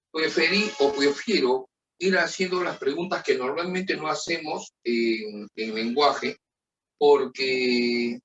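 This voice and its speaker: A man's voice: on the high side, dull audio, a little hiss or hum. A man with a Chilean accent teaching an online class, explaining patiently and checking in with frequent questions. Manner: drills answers in slow, even call-and-response. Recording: roomy, distant from the mic.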